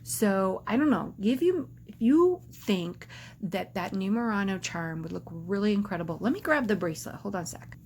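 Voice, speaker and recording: A woman's voice: medium pitch, animated, moderate pace, darkish tone, slight background noise. A woman vlogging casually to camera, rambling and hesitant, with lots of filler words and restarts.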